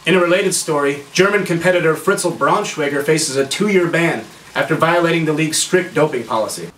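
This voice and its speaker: A man playing an earnest, oddball sports co-anchor in a parody segment, delivered deadpan. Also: fairly high pitch, brisk, close to an everyday voice. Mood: earnest, knowledgeable. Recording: echoey, distant mic, faint noise.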